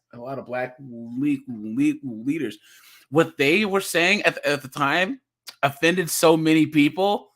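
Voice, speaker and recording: A man's voice: fairly high pitch, a bit bright. A young man giving casual reaction commentary as a streamer, chatty, laughing often and restarting his words as he reads.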